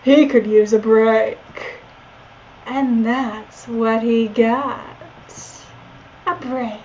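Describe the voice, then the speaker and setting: Woman doing a quiet, menacing male ghost. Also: a little high, steady tone, drawn-out words, highs cut off, slight background noise. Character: sinister murderous male ghost.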